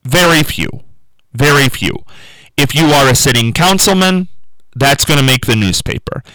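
A man with a smooth radio-host delivery, musing aloud to listeners on a call-in show and often trailing off and restarting. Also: medium pitch, animated, moderate pace, pushed and bright, dry recording, low-quality recording. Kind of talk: call-in talk radio monologue.

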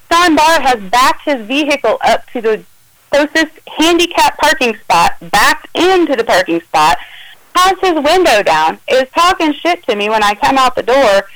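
A woman's voice: high-pitched, fairly bright tone, dry recording, poor audio. A woman telling an emotional, agitated first-person account of a confrontation, acting out the quoted dialogue. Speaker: caller recounting an incident.

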